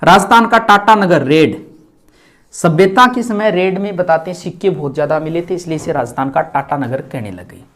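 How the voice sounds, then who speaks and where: A man's voice: fairly high pitch, moderate pace, fairly bright tone. A male teacher, giving an exam-prep lecture, stressing key words and offering memory tricks.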